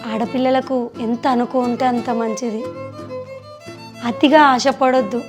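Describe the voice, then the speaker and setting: An actress playing a frank young village wife, with an earnest, steady way of talking. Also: female voice, on the high side, unhurried, soft background music, natural voice. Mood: consoling. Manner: earnest, consoling then confronting. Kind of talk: village comedy drama acting.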